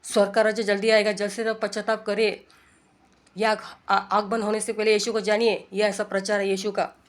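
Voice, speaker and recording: A woman's voice: medium pitch, little pitch movement, a little fast. A woman giving an informal, earnest sermon, exhorting her listeners and checking in with repeated rhetorical questions. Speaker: preacher.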